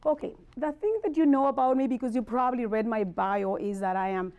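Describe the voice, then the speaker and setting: With a fairly quick pace and a darkish tone on the high side, this native Spanish speaker from Mexico City talks with a Mexican accent. She is a middle-aged motivational speaker and life coach presenting on personal wellness, chatting openly and checking in with her audience.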